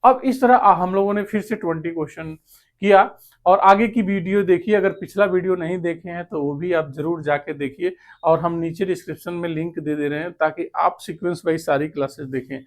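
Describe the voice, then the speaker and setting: A man's voice: on the high side, steady tone, brisk. A man teaching computer basics, reading out quiz options, then asking and answering himself, with English terms mixed into his Hindi. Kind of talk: explaining quiz questions step by step.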